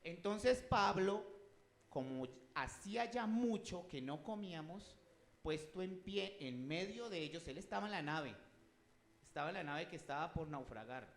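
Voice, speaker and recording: A man's voice: fairly high pitch, lively intonation, moderate pace. Emphatic man preaching in an echoey room. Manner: emphatic, rising loud on scripture quotes; asks the congregation questions. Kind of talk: sermon.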